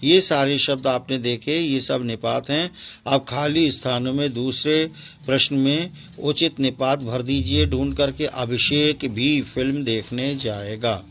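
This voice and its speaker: A man's voice: medium pitch, a little slow, highs cut off, slight background noise. A male school teacher giving a patient grammar lesson to children, repeating each example sentence and explaining it step by step.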